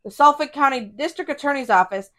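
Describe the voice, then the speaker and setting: Blunt woman with a higher voice, reading aloud. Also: quick pace, bright, forceful tone. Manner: blunt, sweary. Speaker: co-host reading out a case. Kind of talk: reading aloud with casual asides.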